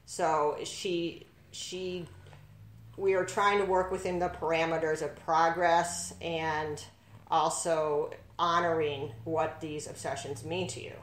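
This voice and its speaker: A woman's voice: low voice, flat delivery, slow pace, slight background noise. Woman host explaining things, echoey room. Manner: explanatory, speaks on her daughter's behalf. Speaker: podcast host and mother. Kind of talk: casual interview chat.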